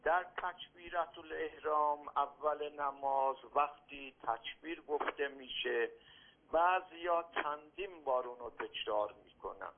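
A man from Iran phoning a radio show, politely listing his numbered religious questions. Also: a little high. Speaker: caller. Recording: phone line on radio.

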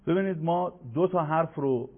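A man gives a radio lesson on recitation, walking through each point step by step. He stretches out syllables to show how they should sound, in a somewhat high voice that comes through a narrow, phone-like broadcast line. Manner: explains step by step, stretches out sounds to demonstrate them. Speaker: Quran recitation teacher.

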